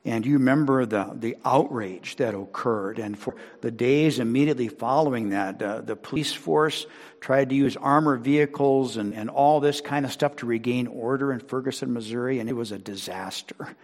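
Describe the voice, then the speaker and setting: A man preaching a sermon as pastor, emphatic and rising loud on key phrases, addressing the congregation as dear friends. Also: mid-range voice, normal speed, in a large hall. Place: church sanctuary.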